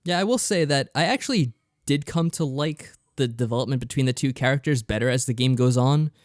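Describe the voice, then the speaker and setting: Reviewing visual novels as a podcast co-host, a man speaks briskly in a mid-range voice, keeping things casual and matter-of-fact. The sound is studio quality with no room reverb.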